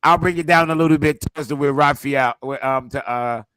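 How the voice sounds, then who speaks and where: Bright, forceful man debating sports casually. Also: fairly high pitch, a little fast, slight background noise, low-quality recording. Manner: blunt, slangy, profane. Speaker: show host.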